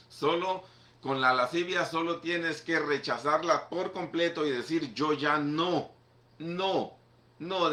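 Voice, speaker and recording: A pastor delivers his sermon in a bright, forceful voice, talking plainly and emphatically to his listeners. The sound rings around an echoey church hall, giving every phrase a roomy tail. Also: a little high. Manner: conversational, emphatic preaching with repeated "mira" and "¿ok?".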